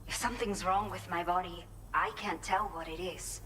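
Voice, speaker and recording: An actress voicing a pregnant former bandit woman with a Mexican accent in a video game, earnest and measured. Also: on the low side, fairly even intonation, a bit bright, slight background noise, natural voice, low-quality recording. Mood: troubled. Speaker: game character giving delivery orders.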